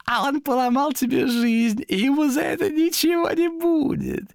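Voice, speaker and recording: A man voicing a cruel male demon trapped in a carved figurine, hoarse and mocking, in an audiobook horror tale. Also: extremely high pitch, a bit bright, dry recording, studio quality, voice pushed up, full character voice. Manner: taunting, cackling, wheedling.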